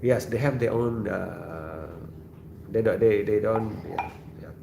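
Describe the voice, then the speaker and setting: A man's voice: lowish voice, slow pace, vocal fry, roomy sound, noisy background. A man from Indonesia hosting a casual livestream, reading viewer comments in a laid-back way and laughing often. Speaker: livestream host.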